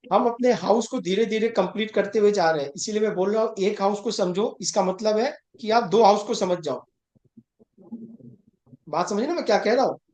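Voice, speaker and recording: Briskly and emphatically, a man with a high, somewhat mellow voice teaches astrology in a conversational tone. He keeps checking that students understand and mixes English into his Hindi, with roomy echo in the recording.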